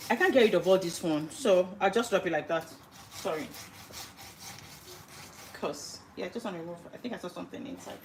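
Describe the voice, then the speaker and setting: A woman's voice: fairly low pitch, brisk, pauses often, noisy background. A woman from Nigeria, chatting casually to live viewers while she cooks in her home kitchen and greets them by name. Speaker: cooking livestream host. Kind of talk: casual live cooking stream. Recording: roomy kitchen echo.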